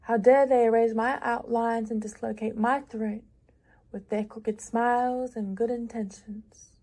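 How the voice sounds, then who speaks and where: A prize-winning young writer, a young adult woman, reads her own lyrical work aloud, lingering over each phrase. Her somewhat high voice has a dark tone and fairly even intonation, and her unhurried, measured, reflective delivery leaves long pauses between lines.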